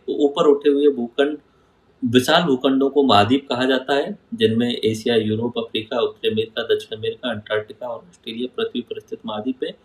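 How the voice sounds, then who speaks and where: A man's voice: medium pitch, reverberant, poor audio. A man teaching geography over a map, asking his students questions and answering them himself. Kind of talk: map-based lecture.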